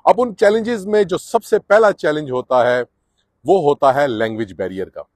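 Standing on a sunny residential street, an immigration advice vlogger of Pakistani or Indian origin, middle-aged, explains things casually to camera. He speaks earnestly to newcomers with frequent "uh"s, in a fairly high voice at a moderate pace, recorded dry.

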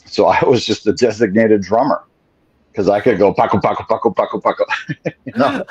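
A man's voice: on the low side, lively intonation, a little fast, darkish tone, slightly rough, no room sound. A man in his forties, born in Venezuela and raised in Florida, telling his story as a guest on a casual video call, laid-back and swearing freely. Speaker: guest drummer. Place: home room with ceiling fan. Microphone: video call webcam. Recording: dull lo-fi video call audio.

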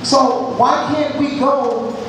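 A lay preacher in his fifties delivers a church sermon in a large sanctuary, his high voice steady and slow as he earnestly exhorts and repeats phrases. He uses a handheld mic, but the recording is echoey and distant, with a noisy background.

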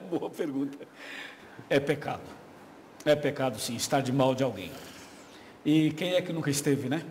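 This man's medium-pitched voice is expressive and a little slow, with frequent pauses. He is a pastor with a Brazilian Portuguese accent, warmly and chattily explaining his answers to viewers' questions on a live video chat and laughing easily. The reverberant studio carries faint ambient noise.

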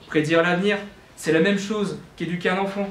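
Recorded in a roomy university lecture hall with faint ambience and a little background noise, this young adult man declaims a student eloquence-contest speech. He speaks fairly quickly in a high, steady, slightly bright voice, posing rhetorical questions and making small corrections to himself.

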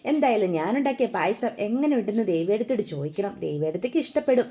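A woman's voice: mid-range voice, animated, fast talker, dark tone, natural voice. A woman voicing a cheerful young sister-in-law in a serial retelling, eager and friendly.

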